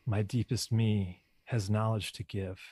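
A man guides a meditation in a low, husky voice with a dark, mellow tone. He speaks hushed and slow, repeating each affirmation gently. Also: little pitch movement, no echo.

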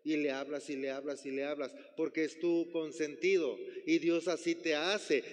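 A man's voice: fairly high pitch, fairly even intonation, moderate pace, big-room sound. A man preaching a sermon, often asking the congregation questions. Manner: asks the congregation questions, acts out quotes. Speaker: pastor.

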